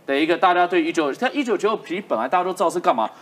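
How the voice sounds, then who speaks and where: A woman's voice: fairly low pitch, lively intonation, rapid-fire. A woman with a Taiwanese accent giving live political commentary in an emphatic way, repeating her points for effect. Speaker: political commentator on a talk show.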